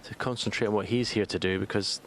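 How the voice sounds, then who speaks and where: Low male voice doing quiet hushed snooker commentary, deliberate, some noise behind. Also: steady tone.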